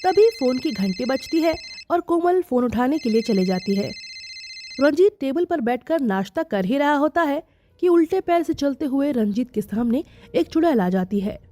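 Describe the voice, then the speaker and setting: A woman narrating a scripted animated story in a steady storytelling manner. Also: high voice, normal speed.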